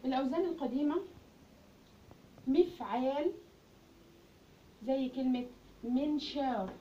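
In a voice that sits high, an Egyptian Arabic-accented woman unhurriedly teaches grammar, posing questions and answering them herself. The sound is muffled, roomy and distant, with a faint hiss.

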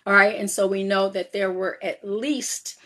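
A woman's voice: medium pitch, level tone, measured pace, sharp tone. Chatty woman teaching a Bible study. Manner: reads scripture aloud then explains with frequent "all right?" and "um". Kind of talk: casual Bible study reading and explanation.

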